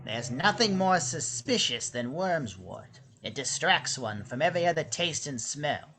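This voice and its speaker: Man acting a sharp, imperious old mad scientist. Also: fairly high pitch, lively intonation, a little slow. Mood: commanding. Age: older. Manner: imperious, wheedling, guilt-tripping. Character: suspicious, self-pitying old male evil scientist, controlling father. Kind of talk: acted script read-through.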